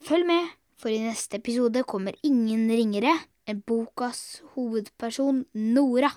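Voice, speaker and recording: A woman's voice: fairly high pitch, darkish tone, dry recording, clean studio sound. Upbeat woman hosting a kids' podcast. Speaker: podcast host. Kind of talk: friendly direct address to young listeners. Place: studio.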